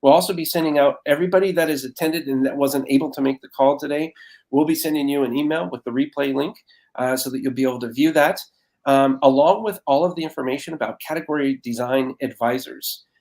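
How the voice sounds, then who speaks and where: A man's voice: medium pitch, fairly even intonation, quick pace, darkish tone. A man hosting a live online interview, speaking in an ordinary mid-range voice over a video call. He is effusive and grateful, and his talk is full of "uh"s and "um"s as he wraps up. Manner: effusive, thankful, lots of fillers. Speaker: host.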